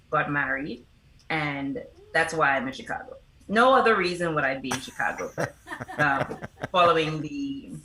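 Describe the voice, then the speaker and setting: Earnest and explanatory, this Bahamian interview guest, a middle-aged foundation representative and motivational speaker, answers questions in a low voice that sounds pushed and bright. A little hiss or hum runs under the roomy, echoing recording.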